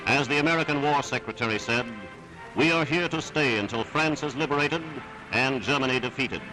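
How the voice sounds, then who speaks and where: A man's voice: mid-range voice, brisk, poor audio. Declamatory 1940s newsreel narrator, man. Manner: emphatic, declamatory. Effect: old newsreel recording. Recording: newsreel narration over loud music. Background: music.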